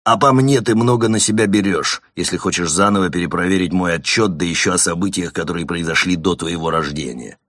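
A man voicing a blustering, domineering old father who mocks his son and bursts into shouting. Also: sits low, fairly quick, hardly any pauses, no room sound, studio quality. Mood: scornful. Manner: sarcastic, explodes into shouting.

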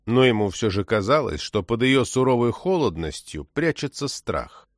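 A man reading an audiobook novel in a steady, measured narrating voice. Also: medium pitch, dry recording, clean studio sound. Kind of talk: scripted narration.

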